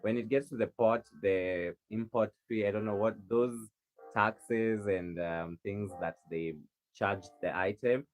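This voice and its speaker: A Kenyan man who makes rugs chats casually on a livestream, answering viewers' questions in a helpful, rambling way with lots of restarts. His voice is fairly low and evenly intoned, at a measured pace. The audio is poor, with a little hiss or hum.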